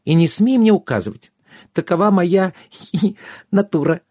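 A man's voice: high-pitched, unhurried, dark tone, no echo, studio quality, voice pushed up. A man voicing a tiny, tipsy, giggling female fairy who is flighty and pushy. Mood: giggly tipsy.

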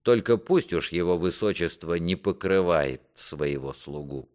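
A man voicing an ambitious, scheming duke who speaks in measured, courtly phrases. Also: low voice, animated, a little mellow. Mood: calculating. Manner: measured, smooth courtly speech. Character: scheming ambitious middle-aged male duke.

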